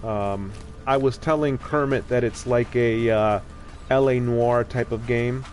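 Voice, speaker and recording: A man's voice: medium pitch, fairly even intonation, a little slow, a little mellow, faint music behind. A man doing casual live gameplay commentary, with informal, rambling asides. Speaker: video game live streamer.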